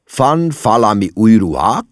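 A man's voice: a bass voice, huge pitch swings, vocal fry, breathy edge, no room sound, clean studio sound, voice pushed down, exaggerated voice. A man doing a stern customs officer with a mangled accent. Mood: suspicious. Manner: turns v sounds into f, suspicious and stern. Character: gruff male customs officer speaking broken, foreign-sounding Hungarian.

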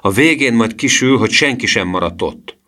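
A man voicing a bossy, quick-tempered boy who leads a gang of children, reading him as a commanding figure in an audiobook. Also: deep voice, big pitch swings, fairly bright tone, heavily acted. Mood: angry. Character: bossy excitable boy leader, the professor.

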